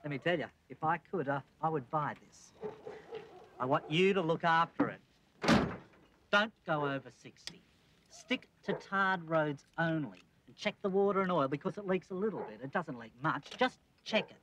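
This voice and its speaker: A man's voice: fairly high pitch, animated, moderate pace, pushed and bright, a little hiss or hum, low-quality recording. A man playing a slick shady car salesman. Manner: smooth, wheedling sales patter. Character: fast-talking shady used car salesman.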